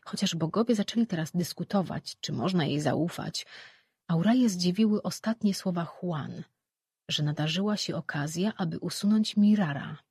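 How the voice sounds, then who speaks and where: An audiobook narrator reading a fantasy novel in an even, steady storytelling manner. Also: mid-range voice, moderate pace, breathy edge, no room sound, studio quality.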